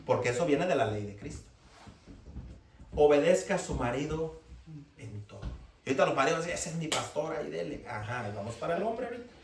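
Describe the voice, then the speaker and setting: A man's voice: on the high side, very animated, a little fast, pauses often. A man preaching a sermon, firing rhetorical questions at the congregation. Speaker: pastor. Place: church hall. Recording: echoey room, mic far off, faint noise.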